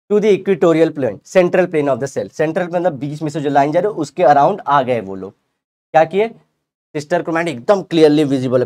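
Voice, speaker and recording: Man teaching biology, lively. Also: a little high. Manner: explains in Hindi mixed with English terms, reads English textbook lines slowly; playful analogies, asks the class rhetorical questions. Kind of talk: revision lecture.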